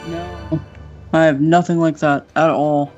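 A woman's voice: deep voice, flat delivery, measured pace, a little mellow, soft background music. Brief: woman, casual gamer, hesitant and puzzled, muffled lo-fi mic. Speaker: gamer learning the game. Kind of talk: casual gaming chat.

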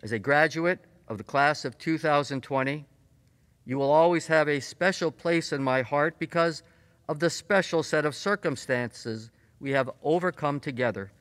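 A college president giving a formal, solemn ceremonial address and introducing the speaker. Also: male voice, on the high side, fairly bright tone, dry recording, long reverb tail. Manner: measured, solemn delivery.

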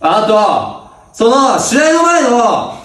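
A man's voice: very high-pitched, very animated, extremely slow, a bit bright, full character voice. A man playing a bossy, scolding senior athlete. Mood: domineering. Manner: barking rough orders, berating. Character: bossy intimidating male high school senior athlete. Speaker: comedy sketch performer. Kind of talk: comedy sketch acting. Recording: echoey room, mic from a distance.

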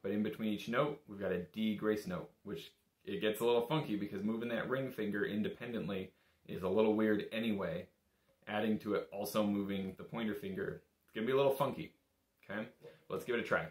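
A young man with a lowish, darkish voice gives a bagpipe lesson at a brisk pace, casually and patiently taking it step by step. His manner is informal and encouraging. He's in a small indoor room, and the recording echoes.

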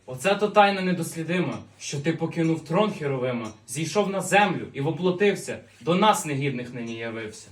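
Awed Magi king played by a male, slightly high voice, formal rhymed delivery for a nativity play, roomy recording. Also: animated, fairly quick, lightly acted. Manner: formal verse recitation. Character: humble, awed Magi king bearing myrrh. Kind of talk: Christmas nativity folk play. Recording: echoey room.

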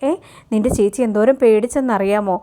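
A woman voicing a gentle, protective middle-aged uncle who reassures his niece. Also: mid-range voice, brisk, natural voice. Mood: reassuring. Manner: soothing, reassuring.

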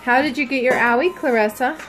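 An older grandmother filming in a home kitchen, gently asking small children questions. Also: high voice, a little fast. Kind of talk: casual family chat behind the camera. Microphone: handheld camera mic.

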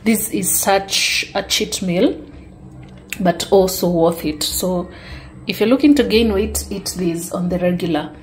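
Her voice is lowish and a little slow, and the rough recording carries slight background noise. A young lifestyle vlogger, she's at home in her kitchen and dressing room with a handheld camera, chatting easily to viewers she calls "guys."

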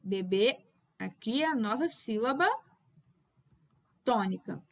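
High-voiced woman teaching Portuguese. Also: animated, slow pace. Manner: explains patiently with frequent check-ins; calls out words loudly to show stress. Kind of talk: classroom lesson at a whiteboard.

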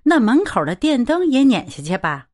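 A woman voicing a steady, sensible young man in an audiobook. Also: fairly high pitch, moderate pace, no echo, clean studio sound, voice pushed up.

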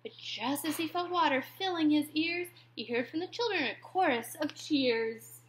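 A woman reading a rhyming children's story aloud, expressive and dropping to whispers at tense moments. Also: high voice, moderate pace, slight background noise. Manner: expressive, drops to whispers for suspense.

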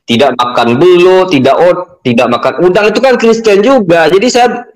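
A man in a religious debate, calmly questioning and often seeking agreement. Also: high-pitched, moderate pace, low-quality recording. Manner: questioning, keeps saying "ya kan". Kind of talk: heated debate.

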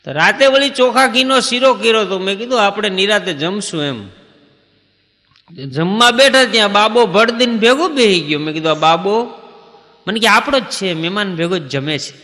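A man's voice: high voice, lively intonation, moderate pace, sharp tone, big-room sound. A man performing stand-up comedy, telling anecdotes and acting out short exchanges between people. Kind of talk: Gujarati folk stand-up storytelling.

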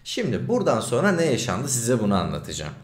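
A man streaming as a journalist, talking over a clip in an indignant, animated way. His pitch swings widely from high to low. The room around him rings with a noticeable echo. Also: fast talker. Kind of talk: livestream commentary over a video clip.

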